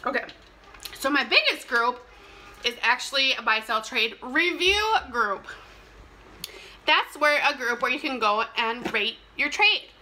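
A young woman talks casually to the camera while eating, telling things in an animated way between bites. Her voice is fairly high and very bright, with a sharp edge. There is clear noise behind her in a simple indoor recording. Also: measured pace, rough recording. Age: young adult. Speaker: mukbang vlogger. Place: small plain indoor room. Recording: clear background noise, clicks.

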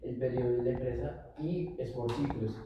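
A man's voice: mid-range voice, fairly even intonation, moderate pace, dull audio, background noise. A young man interviewing a business owner, speaking hesitantly with many fillers in an office meeting room. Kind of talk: interview questions. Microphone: far camera. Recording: echoey room from far off.

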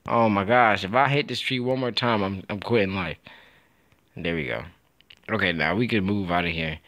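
A young man giving casual, excitable gameplay commentary, trash-talking and laughing as he plays. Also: lowish voice, normal speed. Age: young adult. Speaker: gaming YouTuber.

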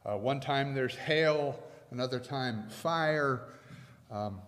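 A middle-aged man preaching a sermon from a pulpit, measured and emphatic, leaning hard on key phrases. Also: medium pitch, fairly bright tone. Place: church sanctuary at a pulpit. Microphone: pulpit microphones. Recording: long church reverb.

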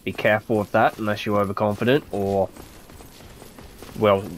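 A man's voice: lowish voice, fairly even intonation, normal speed, slight background noise. A man with a stuffy nose giving casual let's-play commentary, muttering to himself as he plays. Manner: chatty, muttering to himself while playing. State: stuffy-nosed. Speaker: gameplay commentator.

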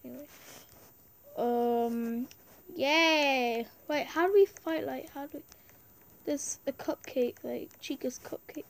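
Little girl rambling over her game, high voice, slow, lots of um and like. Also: vocal fry. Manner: rambling, many fillers. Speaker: let's play host. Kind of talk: casual gameplay commentary.

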